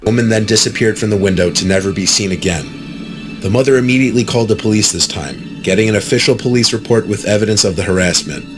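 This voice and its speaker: A man telling a scripted story in a calm, measured voice set low. Music plays clearly behind his narration.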